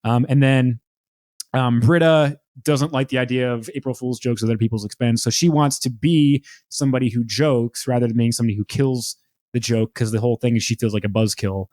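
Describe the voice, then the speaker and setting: A man co-hosts a casual podcast, recapping a sitcom episode in an everyday voice. He often leaps up into a high register to quote the characters. The sound is close and dry, with no room echo. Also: a little fast. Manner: animated, jumps into high pitch to quote lines. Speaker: podcast co-host.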